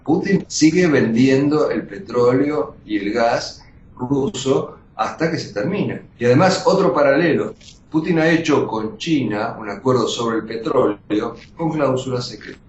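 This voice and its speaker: An older man with an Argentine Spanish accent, a journalist answering interview questions emphatically, with measured pauses and restarts. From born in Austria to Russian parents. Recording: roomy, dull lo-fi audio with faint rumble.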